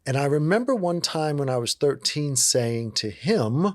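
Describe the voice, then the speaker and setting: A man's voice: fairly high pitch, moderate pace, dry recording. Candid man in his fifties, dry sound. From Virginia. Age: 50s. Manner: relaxed, candid, self-joking. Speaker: interview guest. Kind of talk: casual storytelling conversation.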